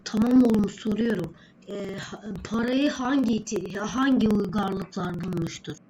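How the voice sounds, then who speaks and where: A woman's voice: mid-range voice, unhurried, mellow, muffled recording, a little hiss or hum, close to an everyday voice. A woman voicing a stern, bossy male schoolteacher who quizzes and scolds a pupil in a homemade skit. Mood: scolding. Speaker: social studies teacher character.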